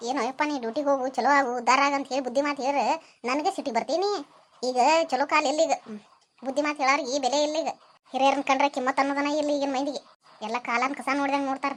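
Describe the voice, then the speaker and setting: A woman's voice: high voice, fairly even intonation, very fast, fairly bright tone. A woman with a North Karnataka accent playing a nagging deaf old grandmother in a comedy skit, preachy and rambling. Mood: scolding. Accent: North Karnataka Kannada.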